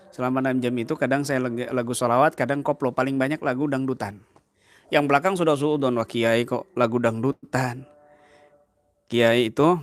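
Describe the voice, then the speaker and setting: A man, an Islamic teacher, giving a sermon as a lively story and acting out the dialogue. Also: mid-range voice. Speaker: kiai, Islamic teacher and healer.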